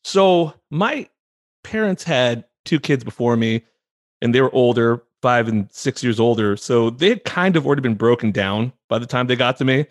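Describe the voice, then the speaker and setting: An American man in his thirties from the San Francisco Bay Area chats easily as a guest in a casual interview, laughing often, restarting sentences, and repeating words when starting a thought. His pitch sits in the ordinary middle range for a man, his pace is moderate, and the sound is close and dry with no room echo.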